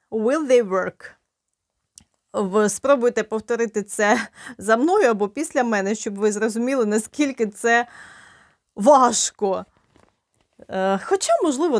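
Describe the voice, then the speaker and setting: A woman with a Ukrainian accent teaching English grammar, drilling slow example sentences with patient, clear explanations. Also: mid-range voice, no room sound, studio quality. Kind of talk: grammar lesson.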